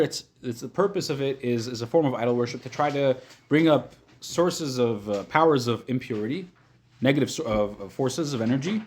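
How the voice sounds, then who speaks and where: Male rabbi, slightly husky, informal text lesson for a group, explanatory, halting and rephrasing. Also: mid-range voice. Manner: explanatory, repeats and rephrases points, halting at times. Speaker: rabbi teaching a class. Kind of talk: informal religious lesson to a live group, reading and explaining texts.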